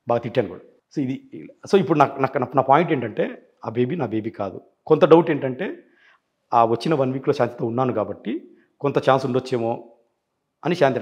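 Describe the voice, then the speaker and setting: A man's voice: medium pitch, darkish tone, dull audio. A man as an interview guest, telling his side insistently and acting out past phone calls. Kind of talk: rapid interview account.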